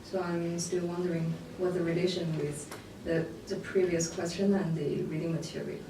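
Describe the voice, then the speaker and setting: Female student, lowish voice, reflective, noisy very echoey room. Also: flat delivery, moderate pace, recorded from a distance. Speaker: student participant. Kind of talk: casual discussion.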